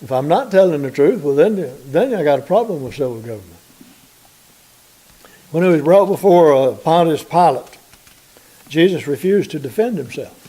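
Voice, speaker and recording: An American man preaching a sermon, reading scripture aloud and slowing down deliberately to stress key points. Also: fairly high pitch, lively intonation, warm tone, husky, poor audio. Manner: deliberate, slows for emphasis, reads scripture aloud.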